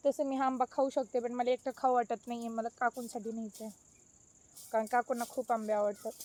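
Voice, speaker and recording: A woman's voice: on the high side, flat delivery, fairly quick, dark tone. A young woman with a Marathi accent, vlogging outdoors on a mango farm, teasing playfully and mixing Hindi and English. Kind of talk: casual vlog chat.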